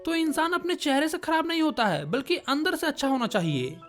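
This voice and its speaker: A woman voicing a kindly old man gardener with a tin leg, who talks gently and patiently like a father. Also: sits high, animated, fairly quick, faint music behind. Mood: fatherly.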